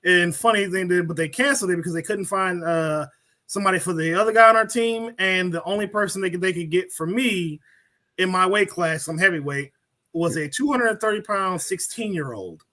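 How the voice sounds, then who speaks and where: A man guesting on a casual live podcast, animated and swearing casually. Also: high voice, a little fast. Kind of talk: casual live-stream chat.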